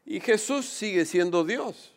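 A man preaching a sermon as pastor, emphatic, slowing down to stress key phrases. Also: high-pitched, lively intonation. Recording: long hall reverb.

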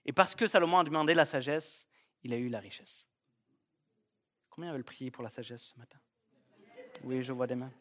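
A man's voice: medium pitch, moderate pace, pauses often, fairly bright tone. A man preaching a sermon at a church service, emphatic and fond of repeating key phrases. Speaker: pastor.

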